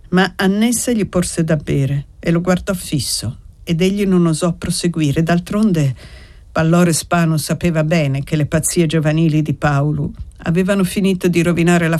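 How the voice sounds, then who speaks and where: A narrator reading a novel aloud in a measured, steady way. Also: mid-range voice. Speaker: audiobook narrator. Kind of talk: scripted narration.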